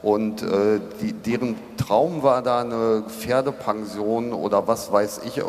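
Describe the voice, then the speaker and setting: Middle aged guy, kinda low voice, chatting about old times on a panel, big echoey hall. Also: slow pace, darkish tone, slight background noise. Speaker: panel speaker, event organiser. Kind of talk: informal reminiscing on stage. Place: large reverberant hall, on stage. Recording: echoey hall, live stage PA.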